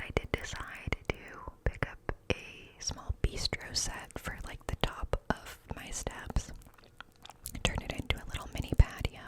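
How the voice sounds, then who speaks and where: A woman rambling casually in an ASMR style, in a breathy, unvoiced cupped-hand whisper close to the microphone. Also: poor audio. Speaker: ASMR creator.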